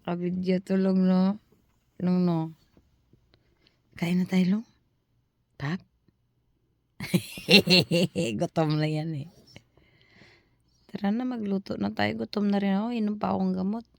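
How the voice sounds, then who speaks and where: A woman's voice: fairly low pitch, steady tone, slow pace, creaky, pauses often, darkish tone, no echo. A woman chatting playfully with her pets at home in a casual home video, often laughing.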